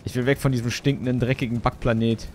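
A man's voice: mid-range voice, flat delivery, fast, a little mellow. A man hosting a gaming session, chatting casually with playfully bombastic mock-military commands. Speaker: let's play host, squad leader. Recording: clear game noise and gunfire behind. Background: game ambience and gunfire.

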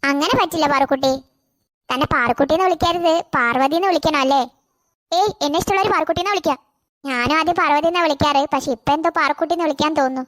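A voice actor doing a gentle cartoon schoolteacher. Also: high voice, fast, no room sound, clean studio sound. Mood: instructing. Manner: gentle, instructing. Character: kind female schoolteacher. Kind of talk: cartoon voice acting.

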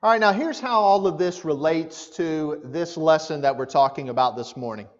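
A man's voice: a little high, moderate pace. A man preaching a sermon in a church, talking conversationally and asking the congregation direct questions. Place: church sanctuary. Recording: muffled church hall with long reverb.

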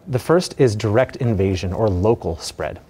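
An American man in his thirties giving a measured, explanatory medical lecture, his voice slightly muffled by a mask over his mouth. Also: lowish voice, animated, mellow, slightly rough. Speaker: radiation oncologist giving a lecture. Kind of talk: educational medical presentation. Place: indoor presentation room. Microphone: lapel mic.

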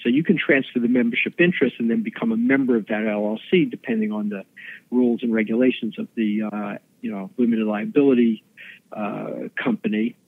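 A man, an attorney guest on a podcast, explaining legal matters quickly with many fillers and restarts. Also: lowish voice, slightly rough, dry recording. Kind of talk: podcast interview explaining law. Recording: tinny phone-like line.

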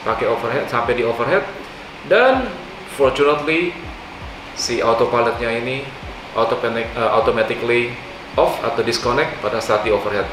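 Older male host explaining aviation incidents to camera in an animated way; recorded from across a roomy living room with a steady hum. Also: medium pitch, moderate pace. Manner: animated, gesturing, mixes English aviation terms into Indonesian. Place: living room on a leather sofa, indoors. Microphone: far camera mic. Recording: echoey room, distant mic, hum.

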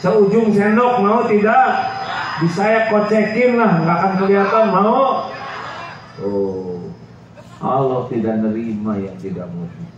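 A middle-aged man preaches slowly on an outdoor stage, fairly high-voiced and full of teasing questions for his listeners. His microphone voice comes through a PA system, so it sounds distant, echoey and dull. A faint hiss of noise sits underneath. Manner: lively, jokey, asks the crowd questions. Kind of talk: outdoor sermon. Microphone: handheld mic, far camera.

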